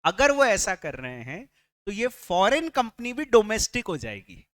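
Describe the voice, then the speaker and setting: A male tax lecturer with an Indian English accent, speaking in a high, bright and crisp voice. He talks at an unhurried pace, walking the class through each point and putting questions to them. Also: very animated. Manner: explains step by step, asking the class questions; mixes English phrases into his speech.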